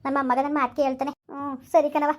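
Woman, rural Kannada accent, high voice, rapid speech, plaintive, village drama host. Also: little pitch movement. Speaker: channel host and storyteller. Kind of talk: homemade village comedy drama.

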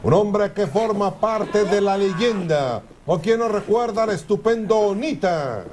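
A man's voice: sits high, lively intonation, a little slow, crowd noise. A man with a Mexican accent giving florid, grandiloquent wrestling commentary as a lucha libre announcer.

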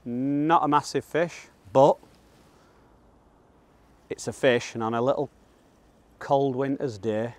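A man around his thirties from northern England presents a fishing guide outdoors on a pond bank, giving casual instructional commentary as he fishes. He's plain-spoken, colloquial and matter-of-fact, with a Northern English accent. His voice is medium-pitched, and he takes it slowly with frequent pauses.

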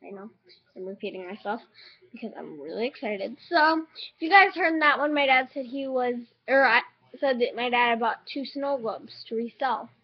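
A high-voiced teenage girl rambles with excitement through a casual unboxing vlog, full of fillers and hiccups. The recording is dull and lo-fi, made at home. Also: moderate pace. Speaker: vlogger.

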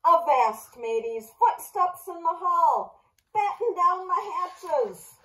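A swaggering pirate storybook full of gruff sea-dog bluster, as a woman puts it on. The voice sits high and moves along slowly, like a children's book read aloud. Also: animated, a bit bright, heavily acted. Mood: blustery.

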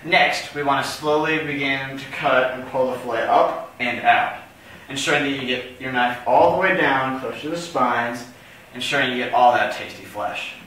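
A man's voice: mid-range voice, normal speed, bright, forceful tone. A young man hosting a playful mock cooking show in a home kitchen, talking in a jokey, theatrical way, picked up from across the room. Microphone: far camera mic. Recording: echoey kitchen from far off, faint noise.

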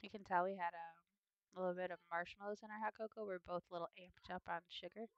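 A woman's voice: fairly low pitch, fairly even intonation, quick pace, clear, resonant tone, no room sound, dull audio. A young woman with a sniffly nose giving chatty, playful commentary on a video game at home, now and then breaking into bits of song. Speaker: gaming video host. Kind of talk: casual gameplay commentary.

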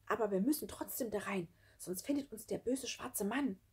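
A woman's voice: fairly high pitch, unhurried, a little mellow, breathy edge, pitched above the performer's own voice. A woman voicing a bold, bossy boy who leads the other children, speaking urgently and pushing them along. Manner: urgent, pushy.

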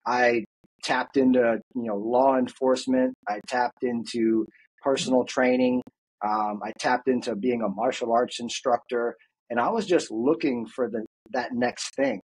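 A man's voice: mid-range voice, fairly even intonation, unhurried, husky, rough recording. A man in his thirties, a fitness coach, telling his life story earnestly over a video call with headphones. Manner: earnest, reflective storytelling with frequent fillers. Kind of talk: casual interview. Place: home office, indoors.

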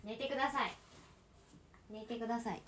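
A young woman hosting a casual livestream from her family home, chatting with viewers and cooing gently at her dogs. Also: on the high side, steady tone, normal speed, noisy background. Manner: chatty, reads out viewer comments and coos softly at her dogs. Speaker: livestream host.

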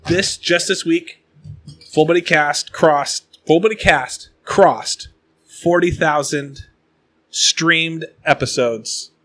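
A man in his late thirties from the Pacific Northwest, hosting a casual podcast and rambling through sponsor and supporter shout-outs. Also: fairly high pitch, slow. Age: late 30s. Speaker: podcast host.

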